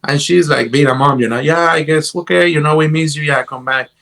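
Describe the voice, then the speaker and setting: Speaking as an interview guest, this guitarist and music teacher from Guatemala has a fairly high, somewhat bright voice with vocal fry and a Guatemalan Spanish accent. He tells casual stories haltingly, repeats words, and keeps saying "you know."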